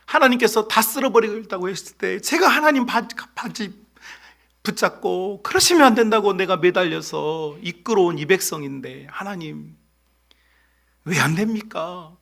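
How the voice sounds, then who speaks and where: A middle-aged man preaching a sermon as pastor, telling a story with lively acted-out voices. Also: high voice, normal speed, creaky. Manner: animated storytelling, acts out voices. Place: church sanctuary.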